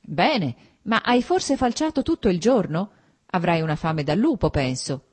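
A woman reading aloud, voicing a fastidious older male intellectual who fusses but is fond of his brother. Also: on the low side, lively intonation, a little mellow, slightly rough. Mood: fussy.

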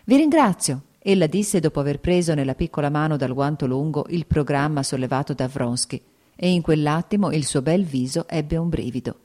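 A woman narrating an audiobook of a classic novel in a measured, even storytelling manner. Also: low-pitched.

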